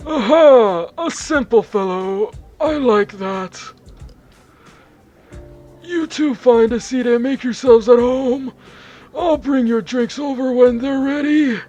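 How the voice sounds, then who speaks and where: A man voicing a kindly old male coffee shop owner in a slow, creaky old man voice. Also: extremely high pitch, a little mellow, dull audio, soft background music, pitched above the performer's own voice, full character voice. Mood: genial.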